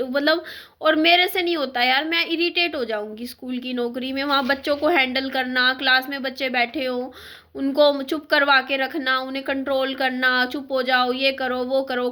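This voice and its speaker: High bright-voiced woman vlogging casually. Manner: chatty, rambling, with frequent fillers. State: sore throat, clearing it often. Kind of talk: casual chat to camera.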